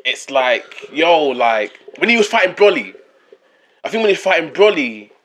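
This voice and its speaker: A man's voice: on the high side, very animated, normal speed, a bit bright, slight background noise. A young man with a London roadman accent and slangy, repetitive delivery, bantering casually as a podcast host.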